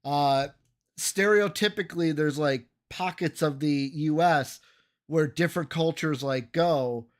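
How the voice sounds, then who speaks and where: Chicago guy rambling on a live reaction stream, kinda higher voice, lots of "like" and "uh". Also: a little slow. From Chicago, USA. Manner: rambling, hesitant, frequent fillers. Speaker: co-host.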